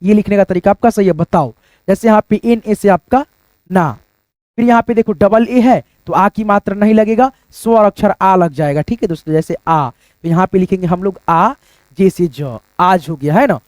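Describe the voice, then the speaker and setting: A man's voice: high-pitched, normal speed, darkish tone, no echo. A man teaching a casual lesson, explaining letter by letter and often addressing listeners as friends.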